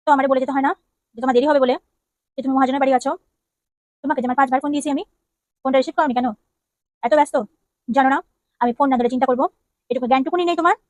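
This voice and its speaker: A woman's voice: high-pitched, steady tone, darkish tone, no echo, close to an everyday voice. A woman acting a jealous, nagging young wife in a comedy skit, firing off scolding questions. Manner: scolding, interrogating with rapid questions.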